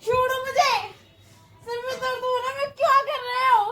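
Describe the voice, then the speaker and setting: A woman's voice: high-pitched, slow pace, loud music behind the voice. A woman voicing a scared, angry young captive who cries out and threatens, in an amateur drama. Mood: furious. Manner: furious, crying out, then dazed whispering.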